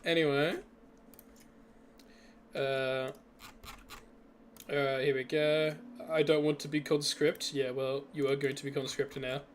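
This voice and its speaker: A man's voice: fairly high pitch, level tone, slow, long pauses, slight background noise. A young man casually chatting on a live stream while building a game level, laughing and rambling with restarts.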